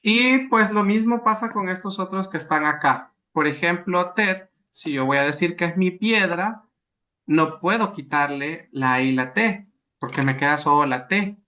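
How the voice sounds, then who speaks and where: Bright-voiced male language teacher. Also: high-pitched, measured pace. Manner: patient, repeats and checks understanding with questions. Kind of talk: classroom lesson explaining grammar.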